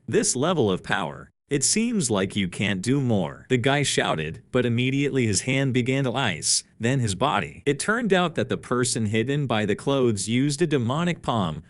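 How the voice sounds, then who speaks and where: Man narrating a story recap, lively pitch. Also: no echo. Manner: reads quoted lines the same as the narration, with no put-on voices. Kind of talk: flat read-aloud story recap.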